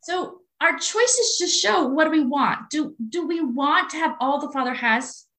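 A woman in her late forties speaks earnestly and from the heart as a guest in a faith-based conversation, often repeating her phrases. Her voice is high-pitched and a bit bright, and she talks a little slowly.

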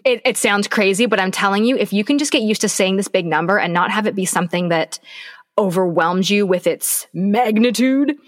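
A woman's voice: mid-range voice, a little fast. Woman podcast cohost, casual chat but coaching hard, says the same point again and again. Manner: emphatic, coaching, repeats key points. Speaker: podcast co-host.

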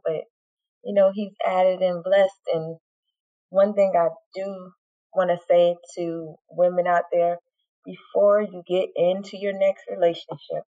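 A woman's voice: on the low side, phone-quality sound. A woman giving an earnest personal testimony, repeating phrases and acting out what was said to her. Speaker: guest sharing her story.

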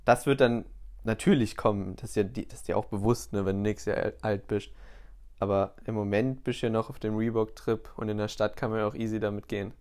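A man's voice: fairly low pitch, steady tone, brisk, darkish tone. A young man in his twenties co-hosting a podcast, teasing his friend in casual chat. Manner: teasing, joking. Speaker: podcast co-host.

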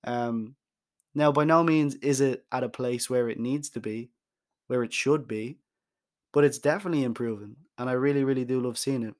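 A young man speaks openly into his own podcast mic, frank and emphatic. He swears now and then for emphasis and often restarts his sentences. His voice sits at an ordinary middle pitch. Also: moderate pace. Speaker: podcast host. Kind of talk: candid solo podcast monologue.

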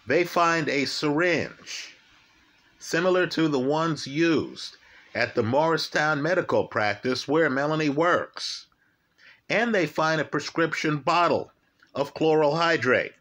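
Speaking in a slightly high, somewhat bright voice, this true crime commentator talks through a criminal case. He moves slowly, leans hard on the important facts and repeats them, and asks his listeners "right?" along the way.

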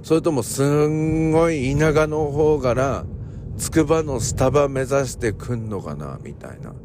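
This is a man hosting a relaxed solo morning podcast, in an easy, rambling way. His pitch is lively and moves around a lot, and he leans on plenty of fillers as he jokes. A faint vehicle noise sits behind him. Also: a little slow. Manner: chatty, digressive and joking, with many fillers. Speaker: podcast host.

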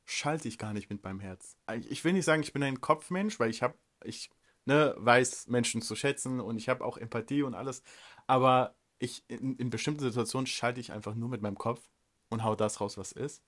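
Male podcast co-host, mid-pitched voice, blunt and direct, casual chat. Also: brisk, fairly bright tone. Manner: frank, direct, rambling with fillers.

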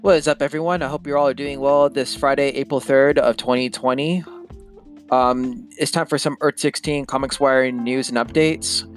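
A man's voice: mid-range voice, steady tone, moderate pace, soft background music. Easygoing male podcast host. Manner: easygoing, conversational, talks straight to listeners. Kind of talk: casual solo podcast talk.

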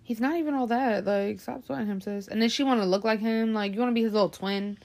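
A woman's voice: fairly high pitch, quick pace, gravelly, a little mellow. Woman, casual chat, playful, teasing, joking bravado.

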